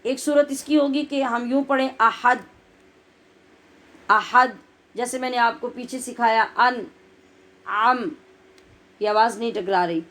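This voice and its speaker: A woman gives a tajweed lesson, her voice sitting a little high. She explains pronunciation mistakes in plain teaching speech. She then models each word and verse in a slow, drawn-out recitation. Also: low-quality recording.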